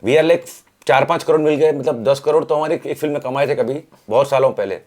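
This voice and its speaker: A man from the film industry, appearing as an interview guest, speaks in a brisk, mid-range voice with a darkish tone. He tells animated stories in casual conversation, explaining things with rhetorical questions and acted-out examples.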